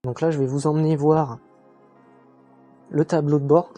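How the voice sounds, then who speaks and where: A man giving a casual, chatty motorcycle walkthrough, relaxed and full of fillers and self-mocking jokes. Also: fairly high pitch, normal speed, soft background music. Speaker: motorcycle reviewer.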